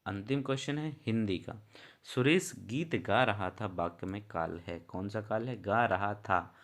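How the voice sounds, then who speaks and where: A man with a fairly low voice coaches students through exam questions online. He reads each question aloud, then walks through the answer, calling his viewers brother and friend. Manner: casual, chatty, calls viewers brother and friend. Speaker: exam prep teacher.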